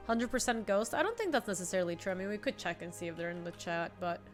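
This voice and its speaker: A young woman, stuffy from a cold, talks quickly and expressively at medium pitch while she plays a card game on stream and keeps up with her chat. It's casual live commentary from an indoor home streaming room, with faint music in the background.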